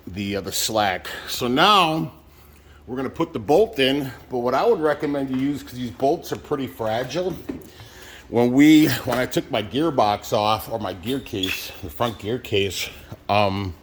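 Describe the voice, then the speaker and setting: A man's voice: medium pitch, a little hiss or hum. A man with a lisp and whistling s from new braces, giving a casual, plain-spoken and unsure how-to narration as he works. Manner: plain-spoken, unsure, hedging first-timer. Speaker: DIY truck mechanic vlogger.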